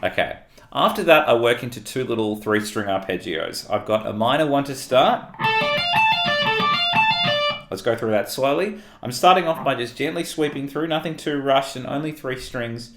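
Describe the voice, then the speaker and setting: An Australian man teaching a guitar solo in a relaxed, explanatory way, counting notes aloud. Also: mid-range voice, moderate pace. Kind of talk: guitar lesson walkthrough. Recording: roomy sound with loud guitar music.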